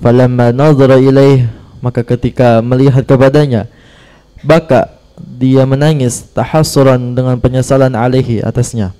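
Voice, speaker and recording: A man slowly reading a religious text phrase by phrase and translating each phrase, with some halting restarts. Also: mid-range voice, flat delivery, warm tone, clean tone, rough recording. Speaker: text reader.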